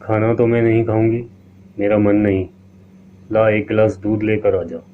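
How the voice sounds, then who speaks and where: Bitter wronged wife, man doing her, sharp tongue, low tinny audio w hiss. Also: little pitch movement, normal speed, close to an everyday voice. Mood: weary. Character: hurt proud wife of the house. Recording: tinny lo-fi line with faint hiss.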